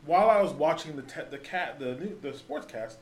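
A man's voice: a little high, lively intonation, a little fast, reverberant, a little hiss or hum. A man co-hosting a casual sports podcast, talking in a rambling way with many restarts. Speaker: podcast co-host.

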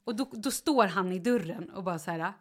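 A woman in casual podcast chat, telling a personal story with lively acted-out quotes. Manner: animated storyteller, acts out quotes in high excited voice.

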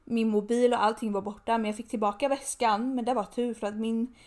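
Chatty young woman, slightly high voice. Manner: chatty, swears freely, animated retelling. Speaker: podcast co-host. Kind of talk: casual chat.

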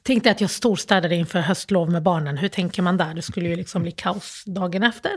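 A grieving woman as an interview guest, telling a personal story in a halting, emotional way with many restarts. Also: on the low side, slightly rough.

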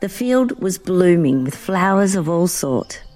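A woman narrating a children's story in an expressive, dramatic way. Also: lowish voice, a little slow.

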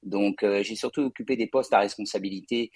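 As an interview guest, a real estate cofounder from Paris, France, walks through his career fluently, peppering it with hesitation fillers. His fairly low voice is brisk, a little mellow and slightly rough, with no room sound.

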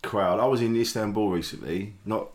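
A man's voice: lowish voice, moderate pace. A man from Kent with a south-east English accent, hosting a podcast in casual, blokey, sweary banter. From Kent, south-east England. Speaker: podcast host. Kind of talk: casual chat.

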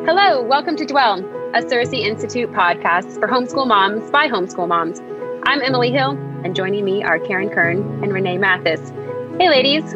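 A woman's voice: medium pitch, expressive, normal speed. Female host, casual podcast introduction, middle register, slightly muffled sound, faint music bed.

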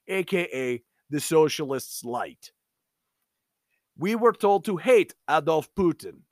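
A man's voice: fairly high pitch, dry recording, clean studio sound, close to an everyday voice. A man doing a scornful Slavic-accented letter writer. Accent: put-on Slavic. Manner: scornful, declamatory. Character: indignant Eastern European man reading his letter aloud.

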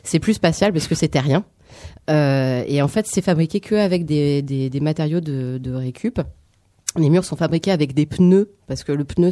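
Mellow-voiced woman rambling on radio. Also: low voice, no echo, clean studio sound. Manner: rambling, halting with fillers. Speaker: radio chat guest. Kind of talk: casual radio chat. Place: radio studio.

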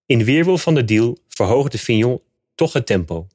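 A man narrating a scripted nonfiction account in a steady, measured reading voice. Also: medium pitch, breathy edge, no room sound, clean studio sound.

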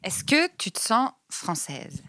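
A woman's voice: medium pitch, very animated, slow pace, pushed and bright, dry recording, whispered, studio quality. A woman reporter asking children probing questions and narrating a news segment. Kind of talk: interviewing and news voice-over narration.

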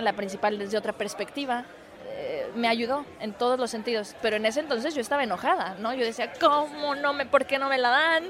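Animated woman telling her story. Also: fairly high pitch. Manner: animated storytelling, many restarts and fillers. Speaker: musical theater actress, guest. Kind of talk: casual interview chat. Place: outdoors in a city.

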